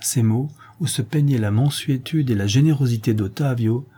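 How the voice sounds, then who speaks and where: Man reading a novel out loud, dark husky voice, steady expressive pace. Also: mid-range voice, moderate pace. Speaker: audiobook reader. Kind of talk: novel narration.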